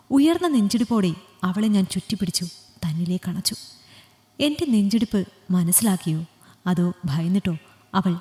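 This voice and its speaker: A woman storyteller reading an emotional story in a soft, measured way. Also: mid-range voice. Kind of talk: scripted audiobook narration. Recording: long hall reverb.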